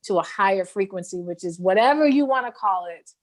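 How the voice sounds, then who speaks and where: A woman's voice: mid-range voice, animated, brisk. Emphatic woman host, repeating herself. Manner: emphatic, repeats and restarts phrases. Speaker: podcast host. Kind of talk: casual interview chat.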